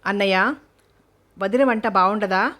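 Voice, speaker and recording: A woman's voice: medium pitch, measured pace, a bit bright, lightly acted. A woman reading the lines of a playful, teasing young sister.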